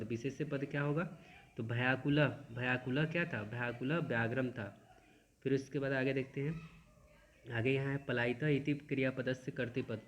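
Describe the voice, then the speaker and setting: A man teaching a school lesson, reading verses slowly and then explaining them with many restarts. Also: medium pitch, a little hiss or hum.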